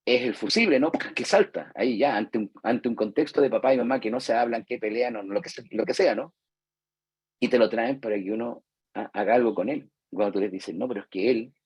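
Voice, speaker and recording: A Chilean psychologist lectures live to therapists in a conversational manner, acting out patients and parents and checking in with listeners through frequent "¿cierto?" tags. His Chilean Spanish voice is mid-range, a little mellow and slightly rough, and the recording is dry and rough.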